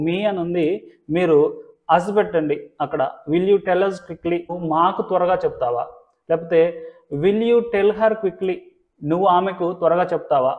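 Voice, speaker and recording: A man teaching English phrases, with a Telugu accent, who explains patiently and slows right down to spell out each example sentence. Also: a little high. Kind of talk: spoken English lesson. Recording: tinny phone-like sound.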